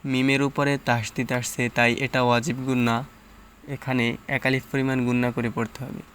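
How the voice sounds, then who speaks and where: A man's voice: mid-range voice, flat delivery, a little fast, a bit bright, a little hiss or hum. A man teaching Quran reading, sounding out syllables one at a time and explaining the tajweed rules patiently. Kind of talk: tajweed lesson, syllable-by-syllable recitation.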